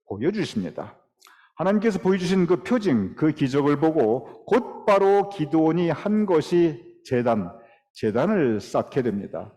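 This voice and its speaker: A male pastor preaching an earnest sermon in a church, with dramatic pauses. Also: fairly high pitch, dark tone. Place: church sanctuary. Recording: long church hall reverb.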